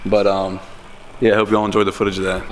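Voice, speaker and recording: A man with a low voice hosts a car vlog in a relaxed, filler-heavy way. His talk is unhurried and casual, with faint background ambience. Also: slight background noise. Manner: laid-back, filler-heavy. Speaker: vlog host.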